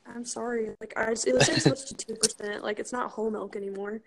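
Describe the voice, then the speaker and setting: High-voiced, chatty young college woman. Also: steady tone, quick pace. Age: young adult. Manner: chatty, slangy, frequent "like". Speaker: podcast co-host. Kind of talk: casual banter podcast. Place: kitchen at home.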